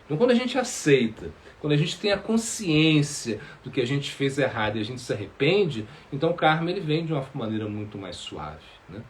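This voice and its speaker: Guy teaching about karma, stops and restarts a lot, medium pitch, faint noise behind. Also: big pitch swings. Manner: halting, many fillers and repeated words. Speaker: spiritual teacher. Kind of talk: sermon answering questions.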